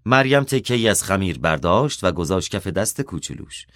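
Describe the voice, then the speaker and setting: A man reading a children's story aloud, expressive and dropping softer for the character's inner thoughts. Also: low-pitched, dry recording, clean studio sound.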